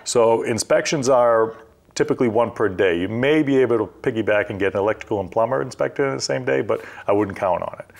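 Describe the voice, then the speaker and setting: A man's voice: mid-range voice, fairly quick, gravelly. A middle-aged man, a construction company owner, explaining the stages of a job step by step in a practical, conversational way on a TV studio set. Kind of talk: explanatory interview talk.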